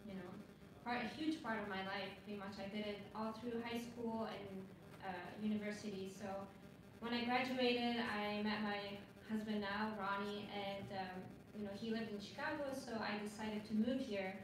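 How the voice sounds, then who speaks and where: A woman from Lebanon answers panel questions in a chatty, halting way full of fillers. She is picked up from a distance in a big echoing space, with crowd ambience under her voice. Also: mid-range voice, fairly even intonation. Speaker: panel guest, marathon runner. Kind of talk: casual panel talk. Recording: echoey, distant mic, noisy ambience.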